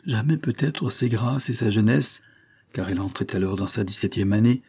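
A man reading a classic novel aloud as an audiobook narrator, in a measured, phrase-by-phrase delivery. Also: fairly low pitch, mellow, breathy edge.

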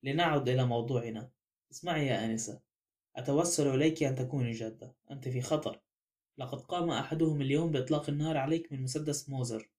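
A man's voice: medium pitch, fast, darkish tone, close to an everyday voice. A man voicing a vain, proud male detective in an audiobook, pompous and insistent in his manner. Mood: stern. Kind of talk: audiobook character reading.

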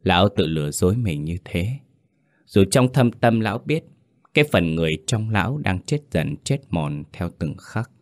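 A man narrating a horror story in a slow, dramatic, deliberate scripted manner. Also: low-pitched, lively intonation, a little mellow, no room sound, studio quality.

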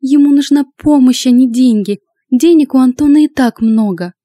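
A woman reading an audiobook voices a small, excitable young woman who pleads urgently and near tears, speaking higher and louder. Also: normal speed, no echo. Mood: insistent.

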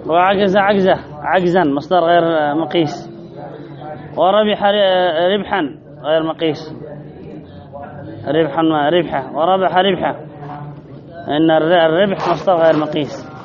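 Male grammar teacher, higher voice, reads and explains, repeats himself; dull recording, audience noise behind. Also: moderate pace, long pauses, a crowd in the background. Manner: reads a line then explains, repeats phrases and asks questions. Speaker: sheikh teaching Arabic grammar. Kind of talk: classroom lesson explaining a text.

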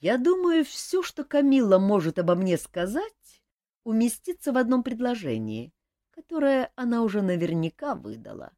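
A woman reading an audiobook, voicing a calm young king who teases with dry humor. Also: on the high side, normal speed, no room sound, voice pushed up. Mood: teasing. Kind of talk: audiobook character voice.

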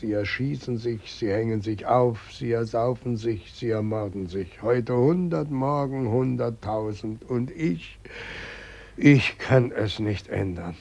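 An actor playing a weeping old god whom nobody believes in anymore, in a vintage radio play. He sounds gravelly and plaintive. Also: mid-range voice, measured pace, darkish tone. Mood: lamenting. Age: older. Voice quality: gravelly, husky, tearful and plaintive. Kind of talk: 1940s radio acting.

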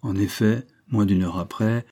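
Low, husky male audiobook narrator. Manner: measured, steady narration. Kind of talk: audiobook reading.

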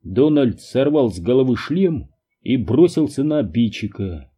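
Husky dark-voiced male audiobook narrator. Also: mid-range voice, very animated, unhurried. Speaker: audiobook reader. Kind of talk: scripted narration.

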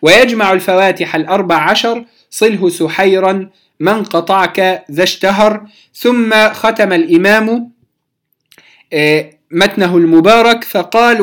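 A woman teaching a Quran recitation lesson, speaking deliberately and repeating letter sounds slowly to demonstrate them to her students. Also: medium pitch. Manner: addresses students directly, checks understanding. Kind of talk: tajweed lesson explaining a poem.

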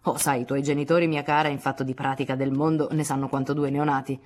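An imperious old aunt, as a woman reader puts her on, sarcastic and lecturing. The voice sits low and sounds husky and breathy, scolding a young woman in an audiobook scene. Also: level tone, quick pace, a little mellow. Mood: coaxing. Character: domineering, scornful wealthy old aunt. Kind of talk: audiobook dialogue reading.

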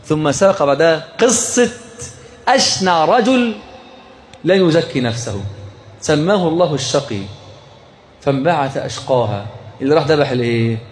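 A man with an Egyptian accent giving an animated, joking religious lecture, often firing questions at his listeners. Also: medium pitch, a little hiss or hum. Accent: Egyptian Arabic. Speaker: religious teacher. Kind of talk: lively religious lecture to a live group.

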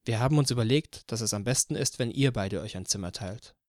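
A man voicing a stern middle-aged father who speaks in a measured, authoritative way. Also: medium pitch, darkish tone, no echo, studio quality, natural voice. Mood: calm. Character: stern father at the dinner table.

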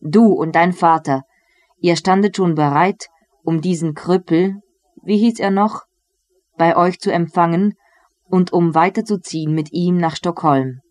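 A reader voicing a ruthless, mocking medieval lord who gives cruel commands, in a slow literary reading. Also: medium pitch, darkish tone, dry recording, lightly acted. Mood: accusing. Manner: scornful, commanding.

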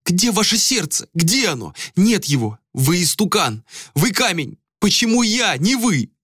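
A man's voice: a little high, very animated, normal speed, fairly bright tone, breathy edge, no room sound, clean studio sound, voice pushed up, heavily acted. A man voicing a desperate young woman who pleads frantically, in an audiobook.

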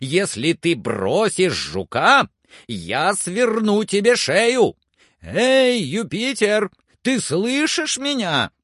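A high, shrill man shouts orders in a frantic rush, as a male narrator puts him on. His pitch jumps far above the reader's own, and every line comes out loud and strained. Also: big pitch swings, takes it slowly, no echo, studio quality, heavily acted. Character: agitated excitable man shouting up from below.

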